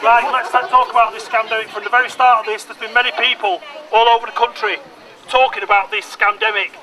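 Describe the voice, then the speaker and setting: A man's voice: extremely high pitch, level tone, quick pace, a crowd in the background. A man speaking at an outdoor protest, indignant and full of rhetorical questions. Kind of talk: speech at a rally. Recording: distant outdoor speech.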